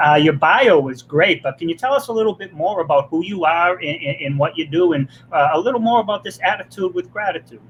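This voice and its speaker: A man's voice: a little high, expressive, fairly quick, few pauses, lo-fi sound, slight background noise. A man with a Boston accent hosting a live online interview, chatty and joking, often tagging on "right?". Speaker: host.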